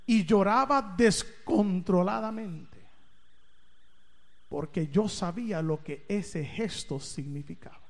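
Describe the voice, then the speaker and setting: A man preaching, telling a dramatic personal story with big swings in loudness and pitch. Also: slow. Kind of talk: storytelling sermon. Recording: reverberant hall.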